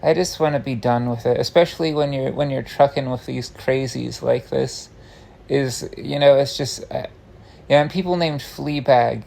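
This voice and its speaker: A man with a gravelly, creaky voice giving a casual confessional monologue, meandering and hesitant, often breaking off and restarting his sentences. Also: medium pitch, normal speed, darkish tone. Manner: hesitant, meandering, self-interrupting with frequent false starts. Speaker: online content creator. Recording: faint background noise.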